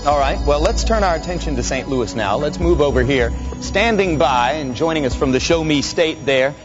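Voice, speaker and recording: A man's voice: fairly high pitch, expressive, normal speed. A man hosting a live television show, presenting and putting questions to a guest. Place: television studio. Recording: dull TV audio, music behind.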